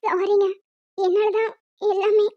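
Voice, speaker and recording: A woman's voice: very high-pitched, fairly even intonation, fairly quick, dark tone, no echo, dull audio, voice pushed up. A woman voicing a tearful, apologetic young bride in a cartoon, with a small pleading voice. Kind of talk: cartoon voice acting.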